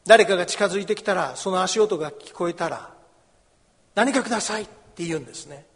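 Man, pastor, sermon, high voice, acts out voices in the story, long hall reverb. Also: quick pace. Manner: explains scripture, acts out the beggar's and crowd's cries.

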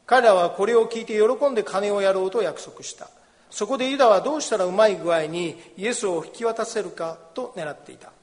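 High-voiced man preaching in a reverberant hall. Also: a little fast. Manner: explains gently in a conversational way. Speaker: pastor. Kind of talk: sermon with Bible reading. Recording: long reverb of a large hall.

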